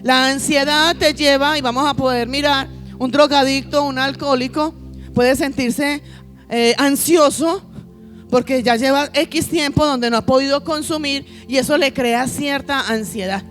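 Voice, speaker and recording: A woman's voice: sits high, unhurried, soft background music. A woman pastor preaching a sermon, piling up lists and asking the congregation rhetorical questions.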